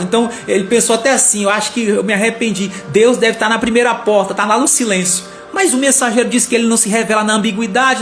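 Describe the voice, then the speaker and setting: A man preaching a sermon as a story, animated and acting out the characters' lines. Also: very high-pitched. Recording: echoey room with faint music.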